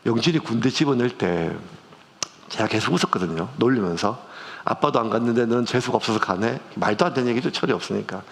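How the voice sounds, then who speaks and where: A man's voice: mid-range voice, lively intonation, fast talker, gravelly. A middle-aged male pastor, preaching a conversational sermon with strong emotional swings. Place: church sanctuary. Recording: long church reverb.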